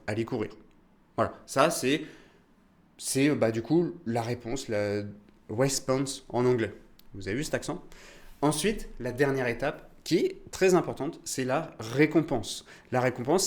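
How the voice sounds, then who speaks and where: A man's voice: mid-range voice, a little mellow. A young French man hosting a solo podcast, explaining in a chatty, casual way with frequent fillers and restarts. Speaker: podcast host, calisthenics coach.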